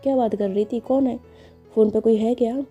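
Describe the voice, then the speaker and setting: A woman storyteller voicing a caring middle-aged mother who gently questions her daughter. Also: a little high, fairly even intonation, brisk, slightly rough, soft background music. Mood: concerned. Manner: concerned, coaxing questions.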